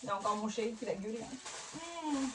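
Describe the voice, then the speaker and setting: A woman's voice: fairly high pitch, fast talker. A woman in her thirties chatting casually as she unboxes a haul for her family vlog, exclaiming and restarting often. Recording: mic at a distance with clear background noise.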